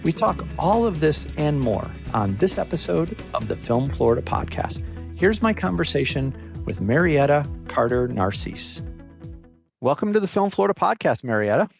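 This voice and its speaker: Man, podcast host, upbeat, gravelly, animated pitch. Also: normal speed, soft background music. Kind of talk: podcast interview and scripted intro.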